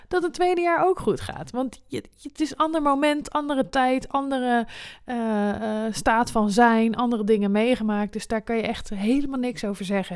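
A woman's voice: on the high side, a little mellow, clear, resonant tone, dry recording, clean studio sound. A woman in her twenties hosting a personal podcast, speaking candidly and swearing freely. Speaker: podcast host.

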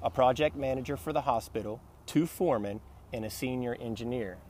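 A man's voice: medium pitch, brisk, a little mellow, a little hiss or hum, lightly acted. A man voicing a businesslike woman executive who counts off needs in a matter-of-fact way.

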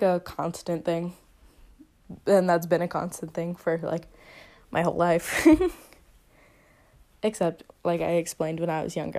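A woman's voice: lowish voice, warm tone. A young woman hosting a casual solo podcast, talking in a chatty, rambling way and saying "like" a lot. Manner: chatty, rambling, heavy use of "like". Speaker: podcast host.

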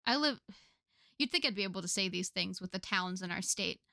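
A woman's voice: medium pitch, lively intonation, normal speed, creaky, pushed and bright, dry recording, studio quality. A young American woman co-hosting a casual podcast, chatting with many fillers and laughing often. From United States. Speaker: podcast co-host. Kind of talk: casual chat.

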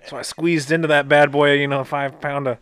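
A man's voice: fairly high pitch, little pitch movement, a little fast, a bit bright, clean tone. A man co-hosting a podcast, telling crude joking stories and swearing freely. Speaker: podcast co-host. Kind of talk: casual podcast storytelling.

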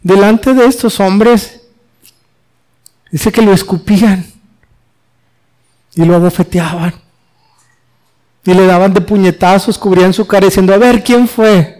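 Male preacher, high-pitched, reading scripture and expounding it with emphatic, rising delivery. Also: measured pace, pauses often, a little mellow. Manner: reads scripture then explains it, rising emphatically on quoted questions. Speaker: pastor. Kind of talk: expository sermon.

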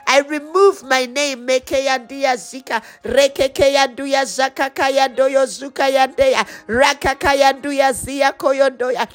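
Woman prayer leader, high voice, fervent slow declarations in tongues over faint music. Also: a bit bright. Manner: slow, rhythmic, repeated declarations.

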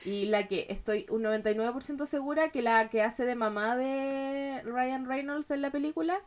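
A woman's voice: high voice, moderate pace. Chatty Chilean woman co-host. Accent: Chilean Spanish. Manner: teasing, chatty, laughing. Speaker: podcast co-host. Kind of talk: casual chat.

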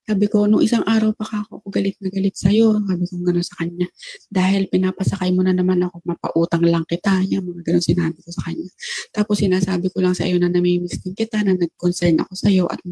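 Woman, casual personal story, retold conversations, halting restarts, flat delivery, dry recording. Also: lowish voice, gravelly, husky, no echo. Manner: retells dialogue with many "I said" tags and halting restarts. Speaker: storyteller recounting a personal experience.

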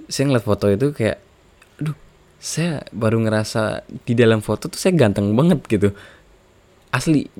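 19 yo guy rambling on, lots of fillers, kinda low voice. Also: a little mellow. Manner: rambling, many fillers like gitu, sighs ya Allah. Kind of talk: casual monologue.

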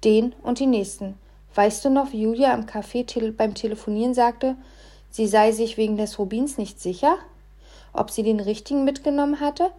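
A woman's voice: a little high, normal speed, mellow, natural voice. A woman reading an audiobook, voicing a small, clever and cautious boy with a precise, knowing way of talking.

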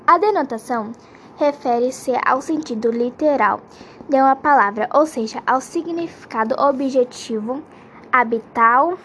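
A woman reading a grammar lesson aloud in a slow, halting way, restarting on some words. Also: high-pitched, fairly bright tone, a little hiss or hum.

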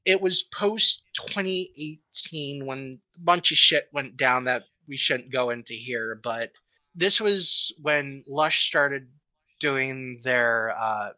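Thirties woman on a podcast, slow and bright, swears a lot, lots of um and like. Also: a bass voice, low-quality recording. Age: 30s. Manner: loose, profane storytelling with many fillers. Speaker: podcast co-host and writer. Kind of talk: casual podcast chat.

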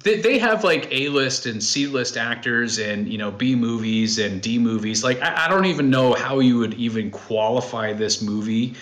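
A man's voice: mid-range voice, lively intonation, moderate pace, hardly any pauses, fairly bright tone. A man co-hosting a podcast, chatting casually with wry, dry humor. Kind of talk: casual chat.

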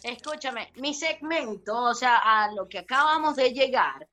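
A woman's voice: on the high side, lively intonation, a little slow, sharp tone. A woman hosting her own segment, chatting in a flirty, playful, rambling way. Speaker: segment host. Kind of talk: casual radio chat.

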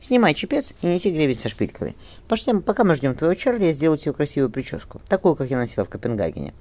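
A man's voice: fairly high pitch, sing-song, fast, a little mellow, voice pushed up. A man reading an audiobook and voicing a resolute young mother, firm and tender with her daughter, his voice raised somewhat. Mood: determined.

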